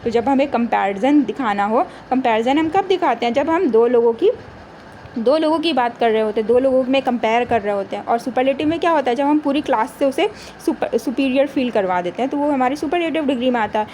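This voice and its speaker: A woman teaching an exam-prep grammar lesson. She asks questions and answers them herself, and reads example sentences slowly. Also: sits high, animated, a little mellow, slight background noise, poor audio.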